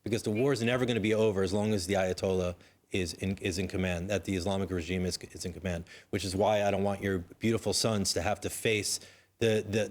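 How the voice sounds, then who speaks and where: Insistent man arguing on a panel. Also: fairly low pitch. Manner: forceful, insistent, argumentative. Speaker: panel guest, co-founder of an initiative. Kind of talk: panel discussion.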